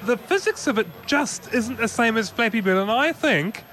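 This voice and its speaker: A man's voice: extremely high pitch, animated, normal speed, a bit bright. A man co-hosting a tech news podcast, chatting casually and rambling with restarts and laughs. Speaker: podcast co-host.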